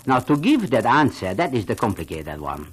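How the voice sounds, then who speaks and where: An older Hungarian man, an art gallery owner and collector, speaks earnestly on a radio interview. His medium-pitched voice is husky and moves at a normal speed, though the recording is rough. He sounds animated and uses non-native phrasing.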